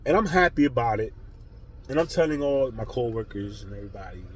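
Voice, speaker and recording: A man's voice: mid-range voice, quick pace, rough recording. A man vlogging a blunt, profane spiritual monologue with heavy emphasis.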